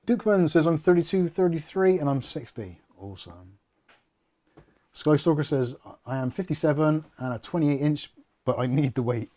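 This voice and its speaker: Here a middle-aged British man hosts a laid-back tech livestream, joking and rambling at his own expense while going through viewer comments. His voice sits on the high side and is expressive and warm, at a normal speed.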